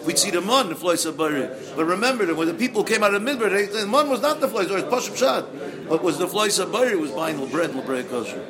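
A high-voiced man delivers a rabbinic sermon in American English with a Yiddish inflection. He is animated and emphatic, repeating phrases and posing rhetorical questions. An audience can be heard behind him. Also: fast, crowd noise. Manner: acts out dialogues with exasperated rhetorical questions; emphatic repetition. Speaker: rabbi giving a Torah lecture.

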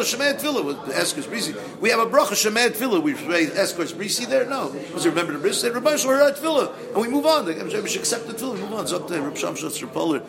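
A man with a Yiddish-inflected American accent gives a Torah lecture as a rabbi, in an animated, repetitive, emphatic sermon style full of rhetorical questions. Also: high voice. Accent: Yiddish-inflected American English. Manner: acts out dialogues with exasperated rhetorical questions. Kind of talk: animated sermon to a live audience.

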